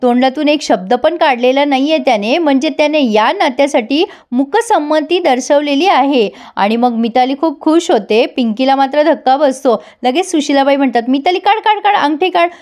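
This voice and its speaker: A woman with a high voice recaps a TV serial in a relaxed, chatty way. She talks directly to her viewers as she tells the story. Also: moderate pace, hardly any pauses.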